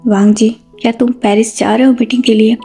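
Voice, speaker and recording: A woman doing a teasing calm husband. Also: fairly high pitch, brisk, slightly rough, faint music behind. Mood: placating. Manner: teasing, placating. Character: teasing middle-aged husband and father, calm peacemaker.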